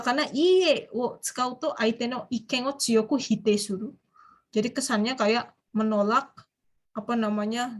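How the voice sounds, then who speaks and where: A young woman lecturing an online language class, chatty and animated, dropping foreign phrases into her explanations and quizzing her students. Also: fairly high pitch.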